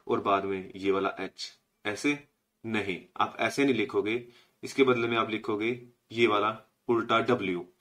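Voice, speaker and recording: A young man from India giving a casual spoken language lesson, patiently explaining and slowly repeating each letter's sound. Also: fairly low pitch, fairly bright tone. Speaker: language teacher.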